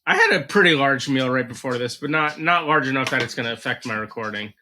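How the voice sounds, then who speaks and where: Male podcast host, congested, joking, bright and animated delivery. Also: medium pitch, fast, slight background noise. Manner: joking, lively. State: stuffed up with covid. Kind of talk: casual chat.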